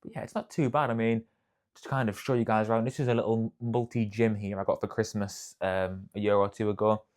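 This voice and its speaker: In a cold, echoey garage gym and outdoors near a busy road, a young man vlogging about fitness chats casually into his clip-on mic, rambling and frequently self-correcting. His voice sits on the low side, a little mellow and a little fast, with fairly even intonation.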